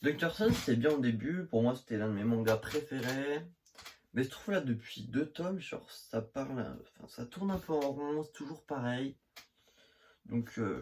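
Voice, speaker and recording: A man's voice: medium pitch, darkish tone. Young northern French man, slangy rambling. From northern France. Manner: rambling with many fillers and slang. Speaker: manga vlogger. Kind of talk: casual video chat about his manga collection. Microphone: phone camera. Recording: phone recording with faint hiss.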